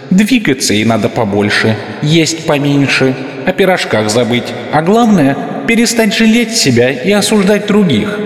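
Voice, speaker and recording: A man voicing a wise, gentle snow angel in an audiobook, speaking softly and without hurry. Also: medium pitch, natural voice. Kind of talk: audiobook character reading. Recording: reverberant hall with faint music.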